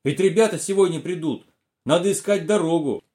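A man's voice: on the high side, fairly quick, warm tone, pitched above the performer's own voice, close to an everyday voice. A man voicing a picky, stubborn young boy in a storybook reading, whiny and argumentative. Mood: worried. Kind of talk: storybook character voice.

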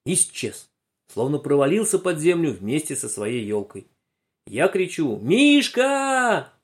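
A man narrating a children's story aloud in an expressive, animated way. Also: medium pitch, unhurried.

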